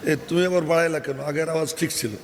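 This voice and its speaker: A fast-talking older man with a highish voice and fairly even intonation delivers an open-air sermon to a crowd at a religious gathering. He chats and teases, tossing in asides. The clip has long hall reverb and a faint ambient hum.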